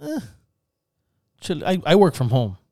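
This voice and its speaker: A man's voice: fairly high pitch, huge pitch swings, unhurried, creaky, a little mellow, dry recording, clean studio sound. A man hosting a podcast, chatting casually, joking and swearing often. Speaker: podcast host. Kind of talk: casual chat.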